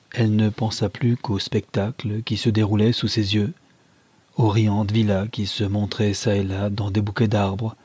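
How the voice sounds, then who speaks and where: A man reads a classic novel aloud in a calm, measured storytelling manner. His voice sits low and has a husky edge. The recording is dry and close, with no room sound. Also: no echo. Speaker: audiobook narrator. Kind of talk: scripted literary narration.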